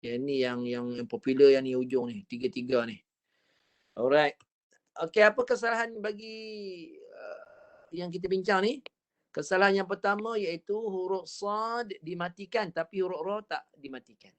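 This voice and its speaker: A man's voice: high voice, fairly even intonation, normal speed, dry recording. A man with a Malaysian Malay accent teaching Quran recitation online, patiently repeating and drilling letter sounds. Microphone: online class call.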